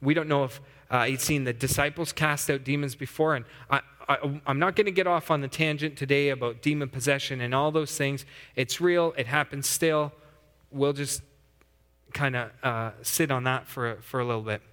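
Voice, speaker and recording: A man preaching a sermon in a conversational way, swinging his pitch up and down for emphasis. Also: moderate pace, fairly bright tone. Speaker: pastor. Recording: long hall reverb.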